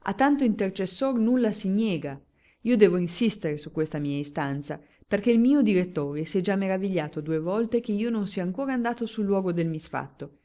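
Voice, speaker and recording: A woman voicing a talkative, flattering male newspaper journalist in an audiobook, speaking in a glib, declamatory way. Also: mid-range voice, brisk, voice pushed up, natural voice. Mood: eager. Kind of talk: audiobook character reading.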